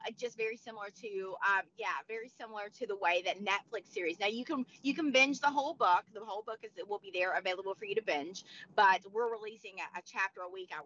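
This is a medium-pitched, slightly bright female voice, belonging to a motivational speaker in her forties who is losing her voice. As a guest in a casual interview, she talks with lots of fillers and restarts. There is slight background noise, and the sound is dull and lo-fi.

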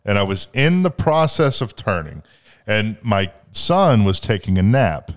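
A man's voice: fairly low pitch, measured pace. A man in his twenties on a podcast, casually telling a long story with plenty of swearing and rambling asides. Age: 20s. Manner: profane, rambling, animated retelling. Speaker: podcast co-host.

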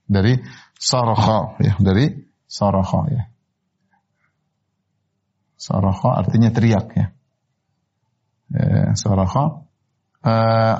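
A man giving a sermon on Quran verses, explaining Arabic word forms slowly with many repetitions and rising sharply in pitch to stress a point. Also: a little mellow. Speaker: Islamic preacher. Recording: slightly dull, muffled recording.

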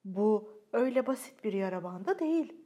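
A woman voicing a cheerful, gentle father fox in a children's storybook reading. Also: medium pitch, lively intonation, normal speed, close to an everyday voice. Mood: playful.

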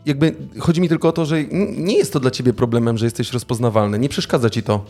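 Male podcast host, quick delivery, mid-pitched, loose chatty phrasing. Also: dark tone, faint music behind. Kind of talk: casual podcast conversation.

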